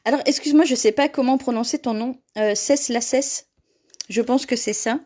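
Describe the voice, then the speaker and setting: A woman's voice: fairly high pitch, normal speed, darkish tone. A woman hosting a live paper-craft tutorial, chatting with viewers and laughing often as she reads their comments.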